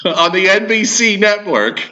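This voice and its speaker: A man putting on the voice of an old-time male network announcer with a booming, formal delivery, heard over dull, lo-fi call audio. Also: sing-song, unhurried, bright, forceful tone, full character voice. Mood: mock-grand.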